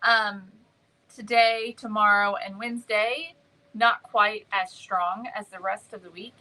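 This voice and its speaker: A woman hosting a casual craft livestream, greeting viewers by name and filling pauses with many ums. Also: medium pitch, fairly even intonation, bright, forceful tone, poor audio.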